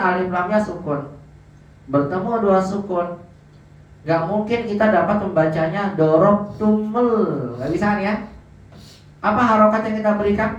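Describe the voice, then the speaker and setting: Male grammar teacher, slightly high voice, slow drawn-out examples, quizzes the class, far from the mic. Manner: asks the class questions and answers them himself. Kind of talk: classroom lesson. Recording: echoey, dull, from far off.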